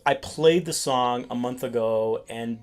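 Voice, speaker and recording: A man's voice: medium pitch, a little slow. A male DJ, a guest in a casual interview, talking enthusiastically about his music. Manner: enthusiastic, uses filler "like". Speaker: DJ and record label guest.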